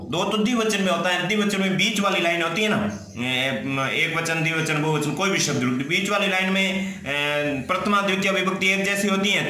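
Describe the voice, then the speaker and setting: A man teaches Sanskrit grammar, chanting declension forms one after another and pausing to check that students follow. His voice is bright and sits a little high. The room is echoey. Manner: reciting word forms, checking with "ठीक है ना?". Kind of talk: classroom grammar lesson.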